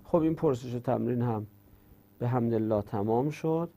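A man teaching an Arabic grammar lesson in Persian, reciting verb conjugations in a steady drone and then explaining the rules step by step. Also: mid-range voice, vocal fry. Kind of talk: religious-school grammar lesson.

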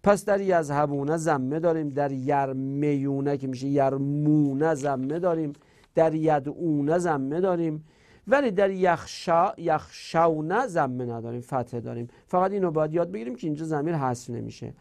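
A male grammar teacher giving a classroom lecture, patiently explaining step by step and slowly repeating verb forms, sometimes correcting himself. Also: on the high side, darkish tone.

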